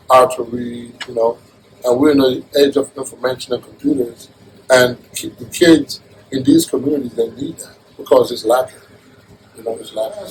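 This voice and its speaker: A man's voice: medium pitch, darkish tone, low-quality recording. Man from Jamaica, earnest casual interview talk, restarts a lot, faint background noise. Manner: earnest, repeats himself, restarts phrases. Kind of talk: casual conversation.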